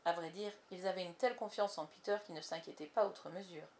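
A woman's voice: lowish voice, brisk, a little mellow, reverberant. Woman reading a storybook aloud. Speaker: narrator.

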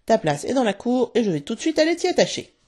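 A woman reading a storybook aloud, voicing a sulky, blustering middle-aged father with petulant, loud outbursts. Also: medium pitch, animated, fast.

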